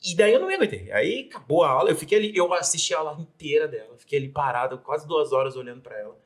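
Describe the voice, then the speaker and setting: A man's voice: fairly high pitch, racing. A young Brazilian man, a Portuguese teacher, talking enthusiastically as a guest in a casual interview. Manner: enthusiastic, animated, shifts into soft reflective storytelling.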